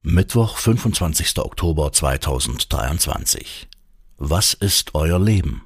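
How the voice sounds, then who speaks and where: A man giving a calm, measured scripted devotional reading of scripture and reflection. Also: extremely low pitch, slightly rough. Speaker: devotional reader. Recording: dry close studio sound.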